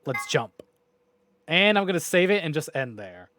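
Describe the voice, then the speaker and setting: A streamer with a high, sing-song voice that sounds pushed and bright closes out his gaming session at a moderate pace. His goodbye to viewers is rambling and informal with mild swearing, and faint background noise can be heard.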